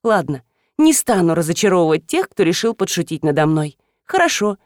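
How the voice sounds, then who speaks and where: A woman narrating a first-person novel in a wry, lively way. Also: lowish voice, fairly quick, no echo, clean studio sound. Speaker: audiobook narrator.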